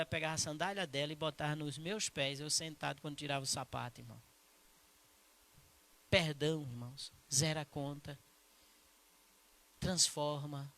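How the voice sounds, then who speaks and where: A male pastor from preaching a sermon in a church, telling a personal story with emphasis and later slowing into hushed prayer. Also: on the high side, gravelly.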